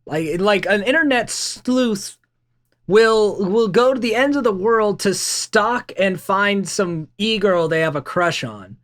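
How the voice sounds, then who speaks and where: A man's voice: sits high, animated, slow pace, a bit bright. Man, reaction host, casual slangy talk, blunt asides.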